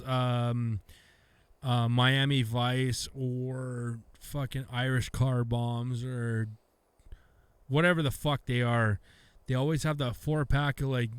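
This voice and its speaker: A man's voice: medium pitch, clean tone, no echo. A Canadian man co-hosting a beer podcast, talking casually with lots of swearing and restarts. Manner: profane, rambling, restarts often. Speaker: podcast co-host.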